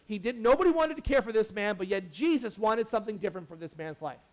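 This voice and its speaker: A young man with a notably high voice delivers a relaxed, conversational sermon. He rambles through asides and restarts his sentences, keeping it animated and friendly like a chat with the congregation. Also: fast talker. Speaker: pastor. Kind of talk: casual sermon.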